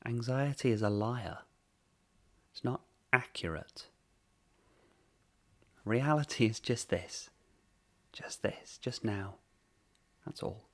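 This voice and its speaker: A man with a mid-range voice leads a guided meditation at an unhurried pace, speaking gently in short phrases and leaving long pauses.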